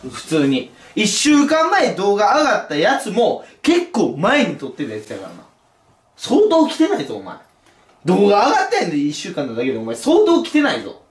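A man's voice: sits high, wildly swooping pitch, moderate pace, distant mic. A young man with a Kansai accent, hosting casually and scolding his friends in a confrontational, needling way. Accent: Kansai Japanese. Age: young adult. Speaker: prank video host. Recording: echoey room, faint noise.

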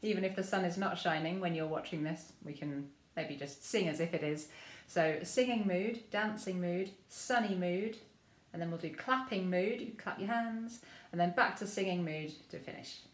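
Gentle English woman leading warm-ups in a roomy space. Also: fairly low pitch, normal speed, few pauses. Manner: gentle, encouraging, with frequent ums. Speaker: memory choir leader. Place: room at home with rain on the window.

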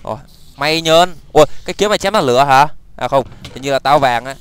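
A young man giving excitable let's-play commentary, with quick stammered repeats and sudden exclamations while he plays. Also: mid-range voice, smooth. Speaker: gaming YouTuber.

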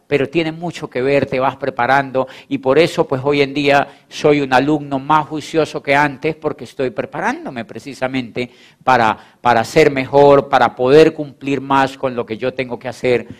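A man's voice: medium pitch, steady tone, moderate pace. A man giving a motivational stage talk to an audience, repeating phrases for emphasis and acting out quoted voices. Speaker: motivational speaker.

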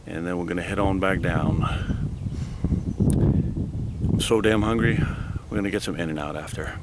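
A young man vlogs from a hiking trail in a low voice, speaking a little slowly and slightly out of breath. He is chatty and jokey and pokes fun at himself, talking into a handheld camera mic. Clear background noise runs through the outdoor recording.

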